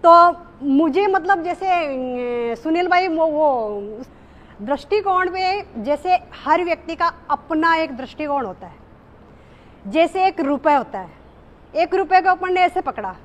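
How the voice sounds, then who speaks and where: A woman's voice: high voice, lively intonation, a little slow, muffled recording. A woman speaking to a small group at a speaking workshop, reflecting on what she has learned, hesitant, with many fillers and restarts. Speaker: workshop participant.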